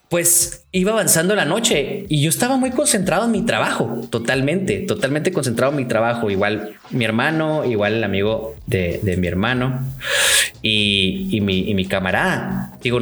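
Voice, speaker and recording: A young man with a Mexican accent tells a personal story in a casual, animated way, full of slang and restarts. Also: medium pitch. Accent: Mexican Spanish.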